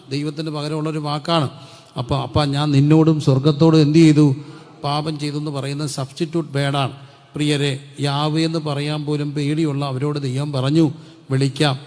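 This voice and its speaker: A man's voice: on the high side, darkish tone. A middle-aged man preaching a Pentecostal sermon, asking the congregation questions and answering them himself. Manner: call-and-response preaching, repeating questions to the congregation. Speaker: pastor. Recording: long hall reverb.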